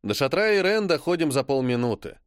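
A man reads a first-person novel in a calm, measured way. His fairly high voice moves lively through the lines. The recording is close and dry. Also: no echo. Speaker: audiobook narrator.

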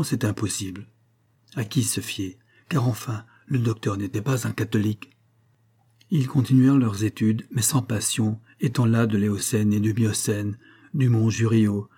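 A man's voice: dark tone, breathy edge. A man reading a classic novel aloud, lifting his voice for the quoted dialogue. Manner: acts out dialogue with raised pitch. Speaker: audiobook reader. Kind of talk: literary audiobook narration.

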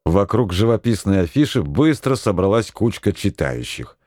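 A male audiobook narrator reads an adventure novel with an expressive, animated delivery. His pitch moves freely across a wide range. The recording is close and dry. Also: normal speed, no room sound. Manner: expressive, performs all characters.

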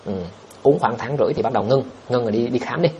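Fast-talking blunt man. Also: medium pitch, darkish tone, highs cut off, a little hiss or hum. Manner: blunt, scoffing, reads out viewer comments and answers them directly. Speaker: livestream host answering viewer questions. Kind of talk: casual livestream chat.

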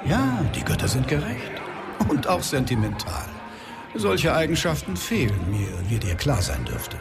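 Death as a courteous, weary father in a radio drama. The voice is fairly high and gravelly, measured and formal with small hesitations, over music and a crowd. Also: huge pitch swings, full character voice. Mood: solemn. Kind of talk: radio play acting.

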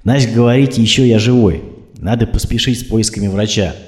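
A man voicing an anxious, injured man who talks to himself in a hushed, urgent way. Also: fairly low pitch, brisk, natural voice. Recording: roomy echo.

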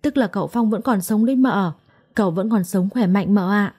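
A woman's voice: mid-range voice, moderate pace, a little mellow, slightly rough, lightly acted. A woman voicing a young female servant girl in a storybook, calling out urgently and talking in a rush of feeling. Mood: eager.

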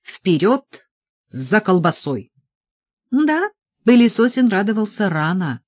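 A reader narrating a children's audiobook chapter in an animated way. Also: medium pitch, takes it slowly, no room sound. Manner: animated, with many character voices.

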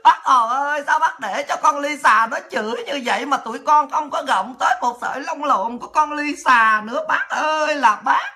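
A woman's voice: high voice, normal speed, bright, forceful tone, voice pushed up. A woman voicing a pro-regime online shill who wails and pleads in a whiny lament. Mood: mock wailing.

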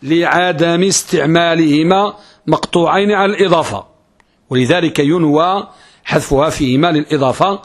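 A man teaches a grammar class in a fairly high voice. He explains step by step, often asking a question and then answering it himself. He repeats key phrases for emphasis. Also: normal speed. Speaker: Islamic scholar teaching Arabic grammar. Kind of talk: classroom lecture.

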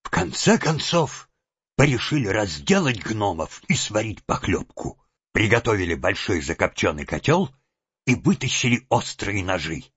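A man's voice: on the low side, sing-song, normal speed, fairly bright tone, slightly rough, no room sound. A man narrating an audiobook in a dramatic storytelling manner. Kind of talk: expressive scripted narration. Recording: dull lo-fi audio.

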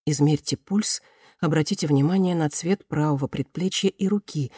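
A narrator voicing a confident young woman doctor in an audiobook, calmly instructing students. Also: medium pitch, normal speed, husky, no room sound, studio quality, lightly acted. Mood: instructive. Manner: calm, instructive. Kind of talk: audiobook character reading.

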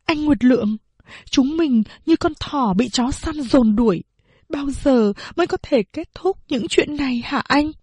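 A woman's voice: high voice, lively intonation, measured pace, darkish tone, no echo, voice pushed up. A woman voicing a desperate young wife, crying and pleading as she speaks in a storybook reading. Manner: pleading, tearful.

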